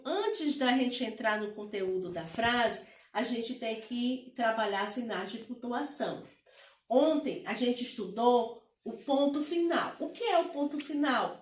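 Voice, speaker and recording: Brazilian woman teacher, children's lesson, very slow, spells out syllables, echoey room. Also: on the high side, far from the mic. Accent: Brazilian Portuguese.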